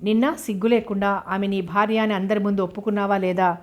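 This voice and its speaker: A woman reading the part of a distraught young woman who fires sharp, accusing questions. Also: mid-range voice, steady tone, fast talker, natural voice. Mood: upset.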